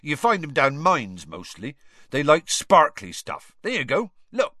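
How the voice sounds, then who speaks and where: A man's voice: fairly high pitch, wildly swooping pitch, a little slow, sharp tone, no echo, studio quality, pitched above the performer's own voice, full character voice. A man voicing a big, cheerful gamekeeper who clips his words, in a storybook reading. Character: huge gentle gamekeeper, rough and cheerful.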